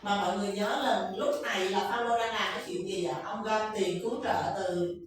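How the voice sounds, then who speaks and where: A woman interpreting a Bible lecture into Vietnamese, quick and explanatory. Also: mid-range voice, fairly even intonation. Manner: quick, explanatory, acts out quotes. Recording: echoey room from far off.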